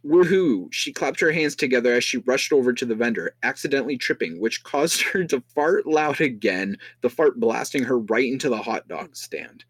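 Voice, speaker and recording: A man's voice: medium pitch, animated, moderate pace, hardly any pauses, fairly bright tone, husky, dry recording. A young man co-hosting a podcast, reading a fan story aloud with crude jokes and laughter. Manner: joking, laughing, crude banter. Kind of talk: casual comedic story reading.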